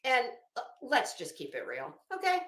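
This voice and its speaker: This livestream host is a woman whose fairly bright, high-leaning voice swoops wildly in pitch while holding a moderate pace. She keeps up casual chat and commentary, sounding blunt, salty, sarcastic and emphatic, in a room with plenty of echo.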